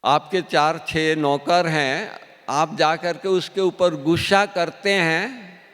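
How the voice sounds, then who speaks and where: A man giving a spiritual discourse as a teacher, often asking the listeners questions and repeating his points with pauses. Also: on the high side, fairly even intonation, a bit bright. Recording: long hall reverb.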